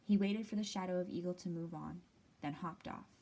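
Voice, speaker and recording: Reading a picture book to children, this storytime host speaks in a fairly low female voice, and the audio quality is poor. Her reading is deliberate and animated, full of acted-out lines and dramatic pauses.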